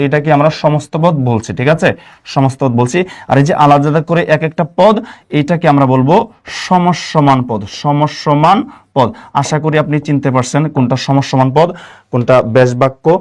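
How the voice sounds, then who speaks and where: A man's voice: on the high side, a little mellow. A young man from Bangladesh teaching a grammar lesson for exam students, repeating key terms and often checking that the class follows. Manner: repetitive, checks understanding often.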